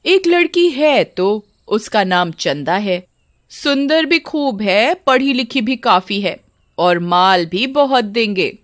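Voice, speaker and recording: A woman's voice: medium pitch, expressive, takes it slowly, no room sound, clean studio sound. A woman voicing a coaxing, persuasive middle-aged matchmaker from a village.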